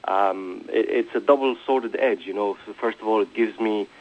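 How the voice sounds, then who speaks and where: Earnest Palestinian man, low voice. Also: normal speed, lo-fi sound. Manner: earnest, passionate, many restarts. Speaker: guest, event organiser. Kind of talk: radio interview.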